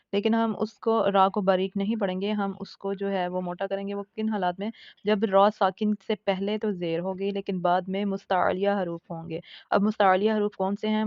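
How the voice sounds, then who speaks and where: A woman teaching a tajweed lesson, patiently explaining recitation rules, repeating her points and slowly sounding out example words. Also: mid-range voice, no echo, lo-fi sound. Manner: patient, repeats points and checks in with "theek hai".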